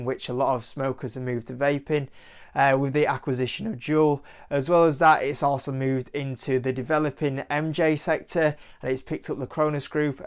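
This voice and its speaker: On his own investing channel, a Yorkshire-accented man chats to camera about stock picks in a loose, easygoing way, often saying "like" and "kind of." His mid-range voice has a clean tone.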